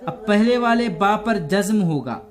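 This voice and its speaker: High-voiced man teaching recitation slowly. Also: animated. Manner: patient, repeats each point slowly, spells out letters. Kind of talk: step-by-step tajweed lesson.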